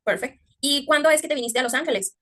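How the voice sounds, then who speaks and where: Woman English teacher, quick delivery, fairly high voice, asks "ok?" often. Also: fairly bright tone. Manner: explanatory, checks understanding with frequent "ok?"; slows down to exaggerate English pronunciation. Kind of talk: online English class taught in Spanish.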